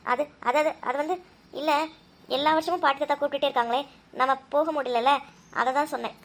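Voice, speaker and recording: A woman's voice: high-pitched, fairly even intonation, fast, a bit bright. A woman voicing a curious young girl who stammers and coaxes her mother in a cartoon. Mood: coaxing. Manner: hesitant, stammering when caught.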